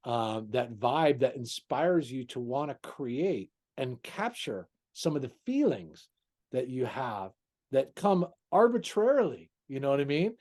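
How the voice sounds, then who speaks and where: A male host runs a casual interview, gushing praise at his guest, calling him "brother" and dropping lots of "you know"s. His medium-pitched voice is sing-song and somewhat dark. He speaks at a measured pace.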